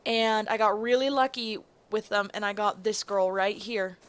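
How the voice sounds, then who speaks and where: A woman's voice: mid-range voice, normal speed, a bit bright. A woman giving rambling, casual gameplay commentary, full of fillers and self-corrections, with some casual swearing. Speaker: gaming video host.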